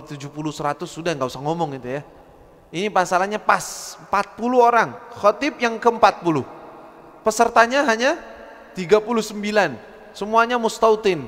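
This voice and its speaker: A man giving a lively religious study lecture, acting out quotes and mumbling preachers. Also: sits high, in a large hall. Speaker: religious teacher.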